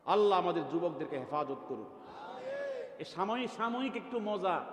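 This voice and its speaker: A man preaching a sermon, telling a lively story, swinging from loud to quiet and asking his listeners questions. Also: sits high, moderate pace, crowd noise. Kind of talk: Bengali waz sermon with storytelling. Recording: echoey, reverberant venue.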